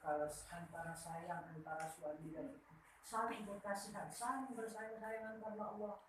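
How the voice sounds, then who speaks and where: A woman giving lively, teasing marriage advice at a wedding ceremony, checking in with the couple with a constant "ya?". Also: medium pitch, normal speed. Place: marriage hall. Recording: very echoey hall, far from the mic, faint noise.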